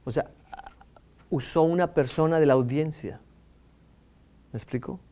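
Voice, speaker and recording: A man with a Mexican accent teaching a lively lesson on preaching, acting out examples and swinging his tone and pace. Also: a little high, measured pace. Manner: animated, acts out examples with shifting tone and pace. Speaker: preaching instructor.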